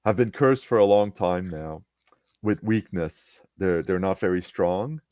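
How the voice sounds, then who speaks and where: A man's voice: low-pitched, warm tone, dry recording, studio quality. A man hosting a casual online chat, recapping a tabletop game he ran, with lots of restarts and fillers. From Canada. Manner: halting, many restarts and fillers. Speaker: podcast host and game master.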